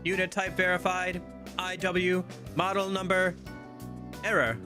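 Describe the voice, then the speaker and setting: A man voicing a malfunctioning security computer in a video game, reading out repeated errors in a flat monotone. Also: sits high, a little slow, over music. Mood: mechanical. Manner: monotone, repetitive error readouts.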